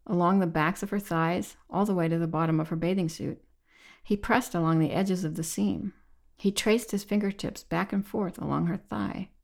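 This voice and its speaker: A woman reading a novel aloud in measured, even audiobook narration. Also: on the low side, gravelly.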